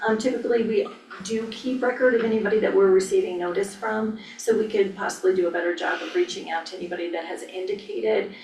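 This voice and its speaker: An American woman, a staff official, giving informal updates at a public meeting with hesitant, halting phrasing. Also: medium pitch, steady tone, a little mellow. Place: indoor public meeting room. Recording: echoey room, distant mic, faint noise.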